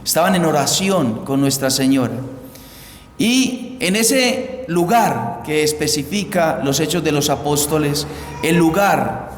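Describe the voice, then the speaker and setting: A male priest delivers Scripture and homily in a solemn, deliberate way. His voice sits a little high and moves slowly. It rings with the long echo of a large church. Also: animated. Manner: solemn, measured, deliberate phrasing. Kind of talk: liturgical Gospel reading and homily. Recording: echoey church, long reverb, faint noise.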